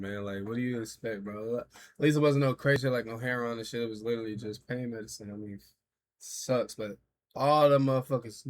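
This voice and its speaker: A man's voice: medium pitch, a little hiss or hum. A man in his thirties, a streamer, reacting casually and talking to his chat in loose, profane slang. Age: 30s.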